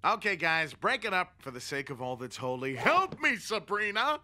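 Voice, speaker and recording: Salem, a sarcastic cat. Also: male voice, sits high, sing-song, normal speed, sharp tone, full character voice. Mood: sardonic. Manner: sardonic, dramatic, wheedling. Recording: cartoon dialogue with music behind.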